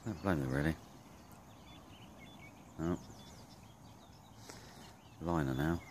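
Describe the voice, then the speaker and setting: This is casual self-shot commentary from a fisherman by a lake, delivered in a very low, relaxed voice that wanders and stops as he mulls things over. Speaking from behind his handheld camera, he's close to the mic, with clear outdoor sounds behind him and a little background noise.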